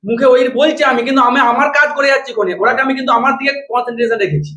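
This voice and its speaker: A male teacher trainer giving quick, corrective feedback on a trainee's demo lesson. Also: very high voice, bright, forceful tone. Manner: rapid, corrective. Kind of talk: spoken feedback on a demo class. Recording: echoey room.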